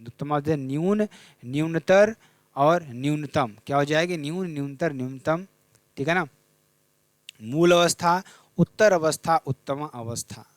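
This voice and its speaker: A man's voice: a little high, unhurried, no echo. A young man teaching a Hindi exam revision lesson, repeating each question and checking in with his students.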